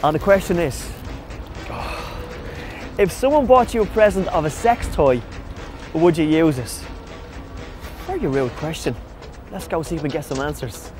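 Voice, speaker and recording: A man's voice: fairly high pitch, lively intonation, normal speed, long pauses, darkish tone, faint music behind. A middle-aged man with a handheld mic doing cheeky, playful street interviews outdoors in a city. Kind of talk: vox pop street interviews.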